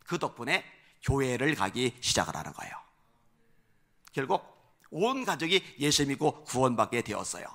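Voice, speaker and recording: A male pastor preaching a revival sermon, telling a story and rising to fervent, shouted appeals. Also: fairly high pitch, creaky. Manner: storytelling with acted quotes, swelling to fervent shouts. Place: church.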